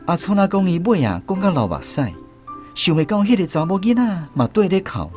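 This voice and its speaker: With a high-pitched, sing-song delivery and a darkish tone, a man narrates at a brisk clip. He is an actor with a Taiwanese accent voicing a radio drama character who reflectively tells stories of his army days, while music plays behind him.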